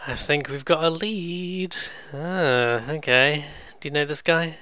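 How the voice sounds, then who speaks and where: Guy doing a casual lets play, bright voice, dry sound, jokes and thinks out loud. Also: on the high side, slow, dry recording. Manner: musing aloud, jokey. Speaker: gaming video host. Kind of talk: casual let's play commentary.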